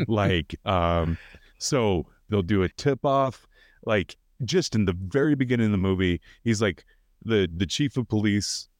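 A man's voice: on the low side, expressive, unhurried, no echo, studio quality. A man co-hosting a casual film podcast, talking loosely with many fillers and restarts. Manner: loose, hesitant, lots of fillers. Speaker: podcast co-host.

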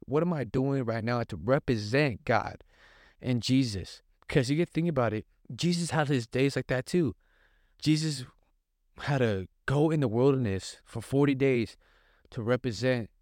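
A man hosts a casual faith talk, earnest and conversational, stacking repeated phrases like a relaxed sermon. His voice sits in a middle pitch. The sound is close and dry, with no room around it. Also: no echo. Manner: earnest, conversational preaching with repetition. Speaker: podcast host.

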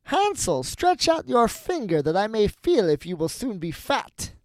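A man voicing a very old, sly and bossy wicked witch for a storybook, with slow, drawn-out words. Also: sits high, wildly swooping pitch, a little mellow, no room sound, clean studio sound, voice pushed up, exaggerated voice. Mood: harsh ordering. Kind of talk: storybook fairy tale character voice.

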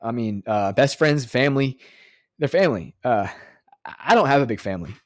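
A man talks through his podcast, heartfelt and emotional one moment and teasing the next. His voice sits in a middle pitch and is recorded close and dry, with no room sound around it. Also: lively intonation, a little fast, dry recording. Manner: earnest and emotional, with joking sarcasm. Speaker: podcast host. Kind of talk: casual monologue.

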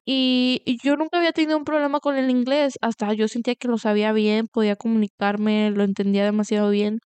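Talking fast in a steady, smooth, slightly high and mellow voice with no echo, a twenty-something podcast host shares a personal confession. She moved from Latin America to the US at twelve and grew up there, and she rambles candidly, restarting often and saying "bla, bla, bla."

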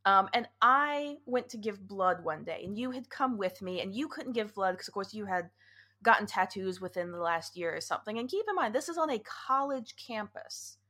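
A woman's voice: mid-range voice, animated, normal speed, pushed and bright. A woman in her thirties co-hosting a podcast, telling stories in a casual chat and laughing often. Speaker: podcast co-host.

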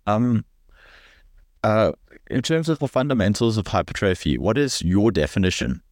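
A man's voice: lowish voice, animated, normal speed, no echo, studio quality. A man hosting a podcast interview, asking curious questions with hesitant ums. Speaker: podcast host.

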